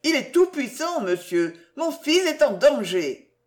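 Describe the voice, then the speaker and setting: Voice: very animated, unhurried. A reader voicing a distressed aristocratic mother, a marquise, in an audiobook, pleading and emotional. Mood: desperate. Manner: pleading, emotional, high-strung. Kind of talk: audiobook character reading.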